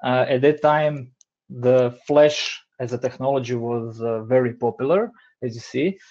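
A Croatian design lead in his thirties gives an online presentation from a room at home, speaking through a headset on a dull-sounding video call. His medium-pitched voice is unhurried and relaxed, though hesitant and full of fillers.

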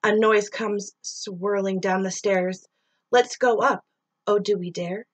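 Like a teacher reading to her class, a middle-aged woman performs a rhyming children's story, lingering on words and sound effects. She has a husky, mid-range voice and reads at a slow pace.

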